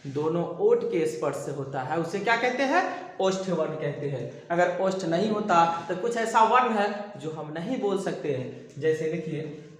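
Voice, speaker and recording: A man teaching a grammar lesson who repeats key phrases, asks his students rhetorical questions and dictates slowly word by word. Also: on the high side, animated. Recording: very echoey room with long reverb.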